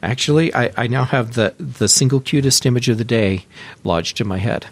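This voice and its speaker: At normal speed and medium pitch, a podcast host chats with his co-hosts on a casual tech show, walking through the news step by step.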